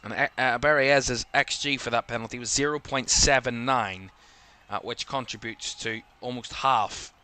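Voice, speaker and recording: Bright-voiced Northern Irish football commentator. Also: male voice, fairly even intonation, clear, resonant tone. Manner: quick play-by-play calls that lift in pitch at attacking moments. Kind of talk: live watchalong match commentary.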